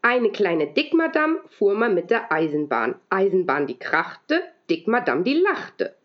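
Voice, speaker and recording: A woman reading aloud and voicing a cheerful, cheeky little girl inventor in a bright, excited, quick voice. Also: a little high. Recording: dull lo-fi recording.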